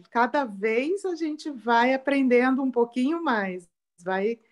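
A woman host thanking her guest in an unhurried, grateful way during an online meeting. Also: on the high side.

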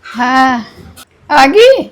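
A middle-aged woman with a Punjabi accent acting a sharp, scolding, sarcastic mother in a village drama. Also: high-pitched, big pitch swings, drawn-out words.

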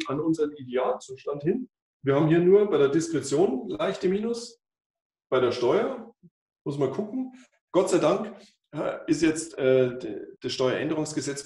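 With a fairly high pitch and darkish tone, a financial advisor in his fifties presents at an office whiteboard, repeatedly using fillers and starting over. The mic is placed far away in an echoey office.

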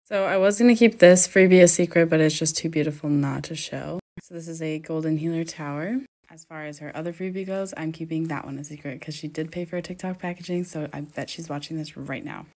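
A young woman with a slightly low voice narrates in a casual, chatty way as she packs orders for her shop. She runs through items one after another in an upbeat tone. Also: a little fast, darkish tone. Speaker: crystal shop owner.

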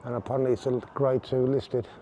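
A man giving a casual outdoor walking tour, relaxed and rambling with fillers. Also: mid-range voice, fairly quick, lo-fi sound, slight background noise. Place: outdoors on town streets.

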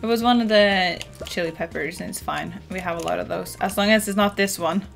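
Speaking briskly in a lowish, creaky voice, a young woman from Norway with a Norwegian accent chats with her viewers. She is streaming a farming game from a room at home, peppering her talk with "like" and the odd swear word, while soft game music plays.

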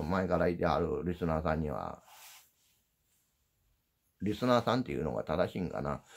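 On a handheld phone, a middle-aged man with a low, gravelly voice and Osaka dialect hosts his channel with a rambling, homespun monologue. He meanders from topic to topic and often makes fun of himself.

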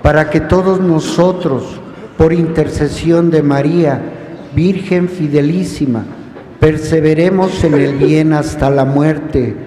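Man, reading the petitions at Mass, steady formal recitation, mellow dark tone, echoey church with long reverb. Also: on the high side, slow, a little hiss or hum. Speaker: reader of the prayers of the faithful. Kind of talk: liturgical reading. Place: large church.

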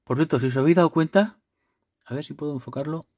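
Excitable man opening cards. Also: fairly high pitch, quick pace, no room sound, studio quality. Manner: bursts into loud swearing excitement over rare pulls; chatty, rambling, restarts often. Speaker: card collector vlogger. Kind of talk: casual unboxing chat.

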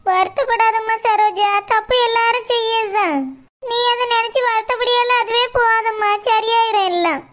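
A woman voicing a kindly older mother-in-law in a cartoon, talking slowly and gently. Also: very high-pitched, fairly even intonation. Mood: gentle soothing. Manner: slow, gentle, comforting.

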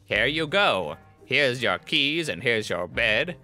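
A man's voice: medium pitch, big pitch swings, slow pace, bright, forceful tone, soft background music, full character voice. A man voicing a haughty, insulting male toy lord in a game, sneering and theatrical with a goblin-like voice. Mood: pompous.

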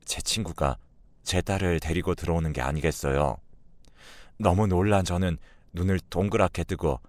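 Deep-voiced guy reading a radio drama story, calm and even, dry close sound. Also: moderate pace, no room sound. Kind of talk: scripted narration of a radio drama.

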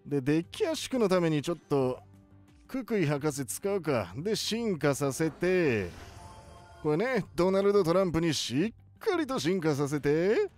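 Man putting on an excitable, high-pitched old professor. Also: faint music behind. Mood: playful, focused. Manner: old-man speech, playful exclamations, drawn-out words. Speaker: gaming video host. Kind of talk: video game commentary.

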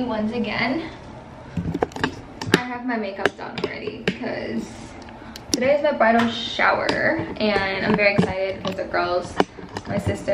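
A young woman chatting casually to her camera in a daily vlog, rambling from one thing to the next. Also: a little high. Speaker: vlogger. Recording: noisy handheld vlog audio.

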